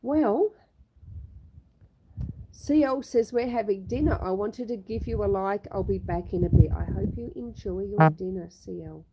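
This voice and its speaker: Recovering from a long illness, she still sounds a bit snuffly and coughs now and then. This medium-pitched woman speaks at a measured pace against a noisy background while hosting a casual outdoor homestead live stream, naming viewers as she chats. Her phone sits on a tripod.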